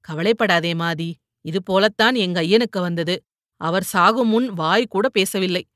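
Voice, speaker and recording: A woman voicing an ailing older husband who speaks gently and steadily to console his wife. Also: fairly low pitch, unhurried, no echo, studio quality. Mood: calm consoling.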